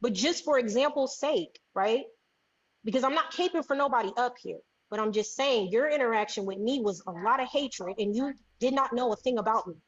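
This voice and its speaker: A woman's voice: fairly high pitch, brisk, highs cut off, slight background noise. A woman on a panel of an online group discussion, insistent about getting her turn to speak, her audio glitching and cutting out. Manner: insistent, keeps asking to speak. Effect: audio cutting out, glitchy connection. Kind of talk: heated live group chat.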